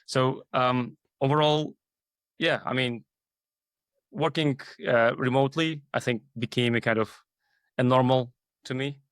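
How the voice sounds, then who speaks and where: Speaking unhurriedly with long pauses, this Kazakh AI team leader answers as an interview guest, describing his work in a halting, filler-heavy manner. His mid-range voice is steady, a bit bright and clean-toned, with no echo.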